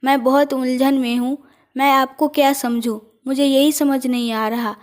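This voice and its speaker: A woman's voice: high-pitched, steady tone, normal speed, close to an everyday voice. A woman voicing a flustered young office worker. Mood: confused.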